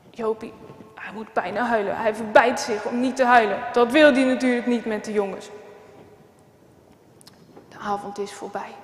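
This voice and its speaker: A woman telling a children's story in an expressive, dramatic way, recorded in a church. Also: on the high side. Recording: echoey church with long reverb.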